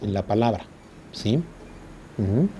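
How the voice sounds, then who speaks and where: Unhurried and animated, a law school teacher with a Mexican accent lectures in a lowish, warm voice, with slight background noise. He explains with patience and regularly asks his students if they're following.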